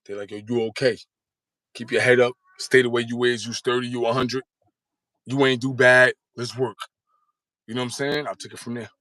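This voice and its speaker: A man's voice: medium pitch, level tone, moderate pace, long pauses, pushed and bright, no room sound. A man in his thirties telling his story as an interview guest, rambling in slangy street talk and often asking if you follow. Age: 30s. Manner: rambling, repeats "you know what I'm saying".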